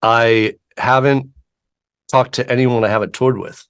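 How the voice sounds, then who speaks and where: A man's voice: medium pitch, fairly even intonation, a little slow, clean tone. A man hosting a casual interview show over a video call from his home studio. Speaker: podcast host.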